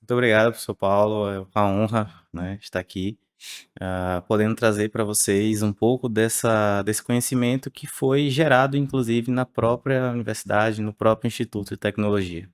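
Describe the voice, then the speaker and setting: A man in his thirties talks as a guest on a podcast. His voice sits low, and he explains in a measured way, often ending phrases with tag questions. The recording is close and dry, with no room sound. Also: fairly even intonation, clear, resonant tone, no echo. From Salvador, Bahia, Brazil. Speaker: researcher guest. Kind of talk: podcast interview.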